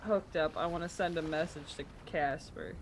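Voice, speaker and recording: A man with a high-pitched voice talks casually as a player in a tabletop game. A little noise is audible behind him. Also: fairly even intonation, normal speed.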